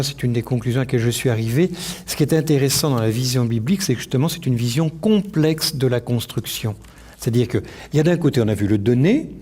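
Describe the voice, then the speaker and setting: Mellow-voiced man lecturing on a panel. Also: mid-range voice. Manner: reflective, thinking aloud with many restarts. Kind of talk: academic panel discussion.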